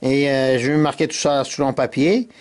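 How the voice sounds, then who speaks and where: A man's voice: medium pitch, fairly even intonation, moderate pace, a little mellow. A man hosting an amateur demonstration video in a hesitant, informal way, recorded in a workshop on a camera mic. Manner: hesitant, informal, tag words. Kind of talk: casual hands-on demonstration. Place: cluttered indoor workshop.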